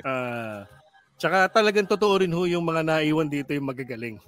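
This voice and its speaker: A man's voice: a little high, animated, moderate pace, fairly bright tone, clean tone. A middle-aged man, a radio DJ guest, chatting casually in a joking, rambling way, mixing in English and many fillers. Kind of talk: casual studio chat.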